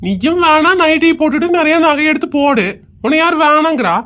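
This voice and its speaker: A man's voice: very high voice, lively intonation, fairly quick. A man performing a teasing, mocking husband in a comedy sketch. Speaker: comic sketch actor playing a husband. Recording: dull lo-fi audio.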